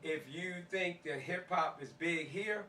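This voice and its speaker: A middle-aged American martial arts teacher talks informally to a live audience in colloquial slang, repeating phrases for emphasis. His voice is on the high side and sharp, with a measured pace, picked up by a distant mic in an echoey room with faint noise.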